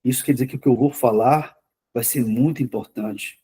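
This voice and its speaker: Fast-talking man lecturing to a class. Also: medium pitch, dark tone, slightly rough. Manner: says himself he talks fast; conversational, repeats words for emphasis. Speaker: lecturer on mental health therapy.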